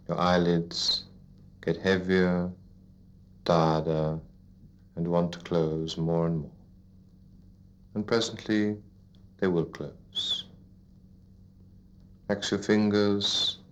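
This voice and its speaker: A man guiding a listener into sleep as a hypnotist, in a soothing, repetitive, deliberate narration with pauses, like a sleep story narrator. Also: low-pitched. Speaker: hypnotist leading a relaxation induction. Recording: dull lo-fi recording.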